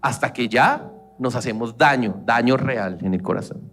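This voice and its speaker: A man's voice: mid-range voice, moderate pace, faint music behind. Colombian man preaching conversationally. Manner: lively, conversational preaching, acting out family quotes. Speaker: church leader. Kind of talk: sermon.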